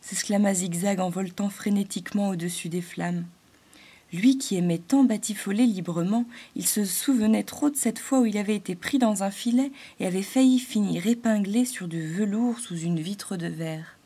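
Woman, audiobook narrator, soft measured storytelling, mellow tone. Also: medium pitch, husky. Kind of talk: gentle fairy-tale narration.

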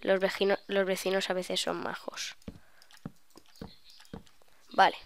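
Smooth-voiced young woman gamer. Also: medium pitch, slow pace. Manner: chatty, excitable, bursts of shrieks. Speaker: gaming YouTuber. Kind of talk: live gameplay commentary.

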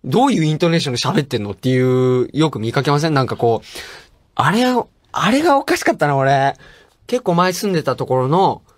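A man's voice: a little high, lively intonation, quick pace, no echo, studio quality. Playful chatty male radio host. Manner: playful, chatty, laughs often. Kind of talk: casual radio talk reading listener mail.

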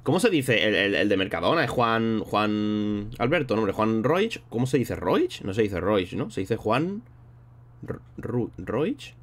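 A man's voice: fairly low pitch, big pitch swings, unhurried. A man streaming live, chatting casually and rambling in a slangy way while thanking viewers between thoughts. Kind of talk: casual livestream chat.

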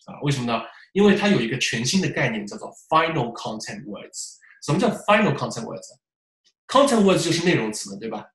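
Animated male teacher in a roomy space. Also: on the high side. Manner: animated, asks rhetorical questions, demonstrates examples aloud. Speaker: English test prep teacher. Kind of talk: classroom-style lecture. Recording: roomy echo.

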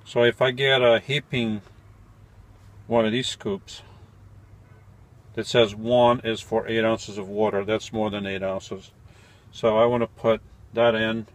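Late at night inside a cramped, messy van, a forties-aged van-life vlogger casually explains his coffee routine to the camera. He speaks in a lowish, fairly flat voice at a measured pace, pausing often. Slightly puzzled, he muses aloud and keeps correcting himself.

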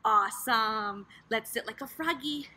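A woman in her thirties leads a playful children's gymnastics lesson with animated, exaggerated, encouraging sing-song delivery, recorded in a large gym by a camera a few metres away. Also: a little high, measured pace. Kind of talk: playful guided exercise lesson for young children. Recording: faint room noise, camera across gym.

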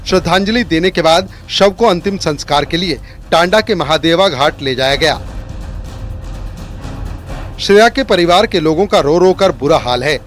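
A man reading a scripted news report as a voice-over in a steady, formal manner. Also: a little high, normal speed, soft background music.

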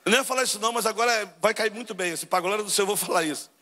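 Carioca preacher guy, high bright voice, tells a story and plays all the parts, keeps calling the crowd brother. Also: racing, long reverb tail. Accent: Carioca Portuguese. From Brazil. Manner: storytelling, acts out dialogue, addresses crowd as brother. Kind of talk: sermon.

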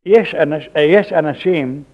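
An older man, a rabbi, teaching religious law in a halting way with repeated words, acting out the dialogue in his anecdotes. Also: fairly high pitch. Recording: tinny phone-like lo-fi recording.

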